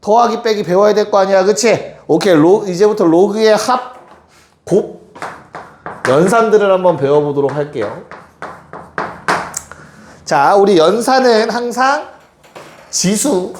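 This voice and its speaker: Male math teacher, high voice, slow and patient delivery, roomy classroom sound with faint noise. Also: animated, a little mellow. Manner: addresses students directly, keeps checking they follow.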